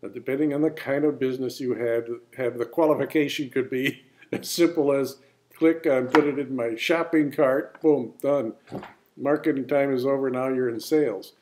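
A man's voice: medium pitch, steady tone, moderate pace, a little mellow. A man in a mid-range voice walks through business basics in a plain, folksy way, as if talking across a desk. He now and then pokes fun at himself and keeps it simple and unpolished. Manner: folksy, plain-spoken, self-deprecating. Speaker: business presenter. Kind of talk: informal marketing talk.

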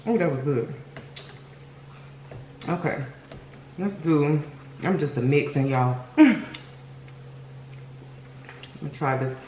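A woman's voice: sits low, a little mellow. A woman chatting casually to viewers as a mukbang host, talking between bites and humming as she tastes. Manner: eating while talking, with savouring mm sounds. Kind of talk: casual food-tasting chat to viewers. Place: indoor room at home, seated at a table. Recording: roomy echo with background noise.

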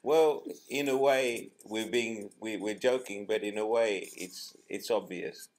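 A man's voice: on the low side, unhurried. A man who leads a band, talking in a casual interview, telling jokey stories and often repeating words as he searches for them. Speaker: band leader, interview guest.

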